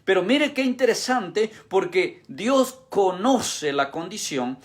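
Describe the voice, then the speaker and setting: A male pastor preaching a sermon in an emphatic way, moving between hushed and raised delivery. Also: high-pitched, big pitch swings, slow.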